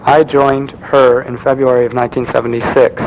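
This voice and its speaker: A man reads a prepared lecture aloud at a measured pace, now and then restarting a phrase. His voice sits at an ordinary middle pitch, with a faint rumble in the background. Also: flat delivery, a little mellow, lo-fi sound.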